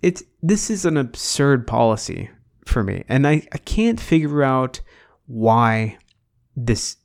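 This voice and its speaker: A man chats loosely on a podcast. His voice is gravelly, with some vocal fry, and sits at a middling pitch. He wanders through his points, musing and restarting as he goes. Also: big pitch swings, takes it slowly. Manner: rambling, musing, full of "like" and restarts. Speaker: podcast co-host. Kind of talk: casual chat.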